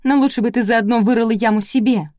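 A woman reading aloud, voicing a furious jealous farm wife who shouts threats. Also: fairly high pitch, fairly even intonation, fast talker, dry recording, studio quality, voice pushed up, natural voice.

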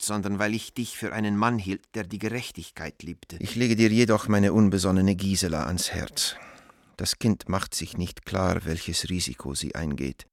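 Resigned and sorrowful, an anguished middle-aged letter writer in a radio drama pleads with an old friend, his phrasing formal, grave, measured and urgent. The very low voice is recorded close and dry, with no echo.

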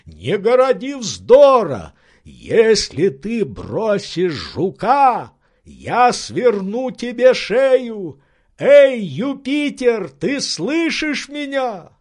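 A man reading an audiobook, voicing an excitable eccentric gentleman who shouts urgent orders. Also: high voice, slow pace, voice pushed up. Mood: frantic. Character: excitable eccentric gentleman, frantic treasure hunter.

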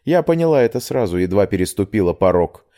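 A man narrating a first-person fantasy audiobook in a measured, even reading. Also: on the low side. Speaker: audiobook reader.

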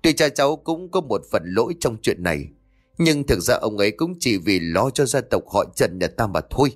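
A man's voice: fairly low pitch, very animated, normal speed, soft background music. Man doing a respectful young nephew, polite, pleading, storytelling voice. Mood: respectful plea. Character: respectful young man defending his father.

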